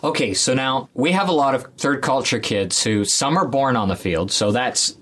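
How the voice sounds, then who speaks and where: A man's voice: mid-range voice, moderate pace, a bit bright, slightly rough. A man hosting an interview, guiding with questions and recapping each point. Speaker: interview host. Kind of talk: conversational interviewer.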